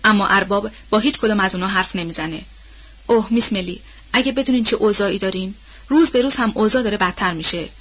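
A woman's voice: mid-range voice, a bit bright, lo-fi sound, lightly acted. A woman reading as a fretful old nanny. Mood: worried. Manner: colloquial, rambling and worried. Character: old household nanny woman, anxious and gossipy. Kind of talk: audiobook role-play reading.

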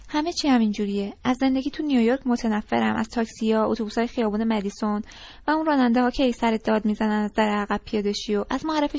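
A woman's voice: a little high, gravelly, a little mellow. A woman voicing a disgruntled teenage boy who rambles through complaints and pleads eagerly, in an audiobook reading. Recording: dull lo-fi recording.

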